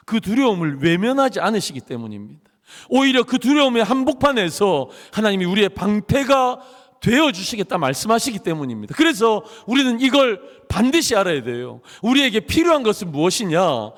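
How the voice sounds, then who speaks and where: A man preaches from the pulpit with a high, highly animated voice that swoops as he acts out inner worries and God's reassurance. His words ring out with the long reverb of a church hall. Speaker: pastor. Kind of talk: sermon. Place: church sanctuary.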